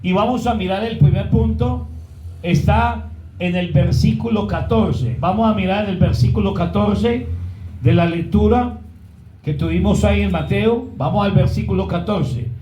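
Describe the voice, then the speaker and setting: A man's voice: high voice, measured pace, dark tone, roomy sound, slight background noise, rough recording. A man preaching a sermon as pastor, often asking the congregation to fill in words.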